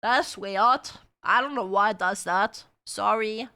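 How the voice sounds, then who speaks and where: A woman streamer chatting casually with her live viewers, bubbly and talkative, now and then calling out loudly. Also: mid-range voice, slow, clean tone. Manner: bubbly, chatty with viewers, bursts of shouting and laughing.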